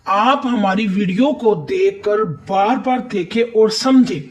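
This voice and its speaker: Woman patiently explaining recitation rules. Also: medium pitch. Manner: patient, repeats each rule plainly. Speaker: Quran recitation teacher. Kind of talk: step-by-step recitation lesson.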